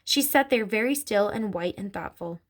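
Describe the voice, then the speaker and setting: A woman reading a children's story aloud in an expressive storytelling manner. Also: medium pitch, moderate pace. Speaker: narrator.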